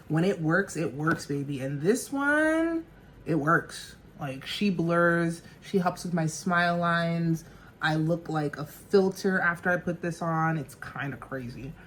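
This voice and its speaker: Chatty woman in her thirties, lowish voice. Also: lively intonation, measured pace, a little hiss or hum. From New Jersey. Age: 30s. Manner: bubbly, chatty, laughs often. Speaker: makeup artist and vlogger. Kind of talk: casual get-ready-with-me chat. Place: home.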